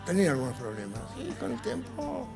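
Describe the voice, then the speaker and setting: An older man telling his life story as a guest in a TV studio interview, speaking in halting recollection with restarts and fillers. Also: mid-range voice, wildly swooping pitch, loud music behind the voice. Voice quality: gravelly, husky voice. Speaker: interview guest, Holocaust survivor. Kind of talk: personal testimony in a TV interview.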